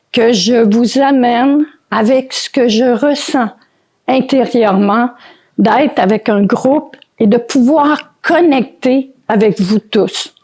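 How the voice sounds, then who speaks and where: An older woman with a Québécois French accent addresses a live audience in a slow, deliberate inspirational talk. Her voice sits a little high, and she leans on emphatic repetition to drive her points home. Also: darkish tone. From Quebec. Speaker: conference speaker and author. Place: conference in France.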